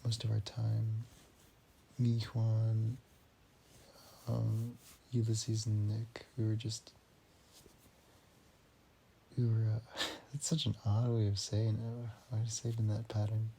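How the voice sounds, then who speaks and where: A weary young man in his late teens records his personal audio diary at home, his slightly nasal voice dark and gravelly. He talks slowly and flatly, stopping to restart, sigh and clear his throat. A faint hiss sits behind him. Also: lowish voice. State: very tired. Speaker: student keeping an audio diary. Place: at home indoors.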